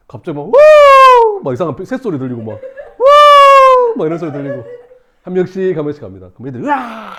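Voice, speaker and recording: A male teacher telling a class a story, acting out shouts and screams and laughing as he goes. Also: mid-range voice. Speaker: math teacher.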